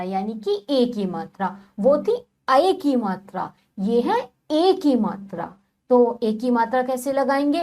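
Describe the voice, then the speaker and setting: A woman teacher giving a children's phonics lesson, patient and repeating each step slowly. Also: fairly high pitch, darkish tone.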